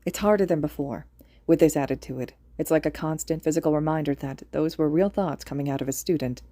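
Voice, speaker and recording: A woman reading fan fiction aloud in a steady storytelling manner. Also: low voice, dry recording. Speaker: podfic reader. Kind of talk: audiobook narration of fan fiction.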